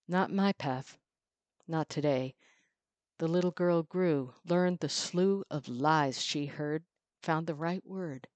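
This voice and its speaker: A woman's voice: low-pitched, a little mellow, dry recording, muffled recording. A woman reading her own poetry. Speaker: poet.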